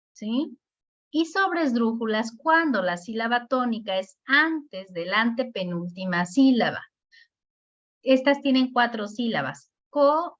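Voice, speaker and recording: A woman teacher with a fairly high, slightly bright voice leads an online grammar lesson, patiently breaking words into syllables and checking in with her students. The sound is dull and lo-fi.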